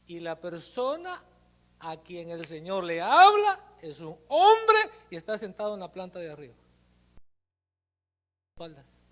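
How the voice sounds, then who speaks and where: Animated pastor preaching in echoing hall. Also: male voice, high-pitched, measured pace, long pauses. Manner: animated storytelling, acts out quotes. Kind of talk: sermon with personal testimony. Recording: long reverb of a church hall.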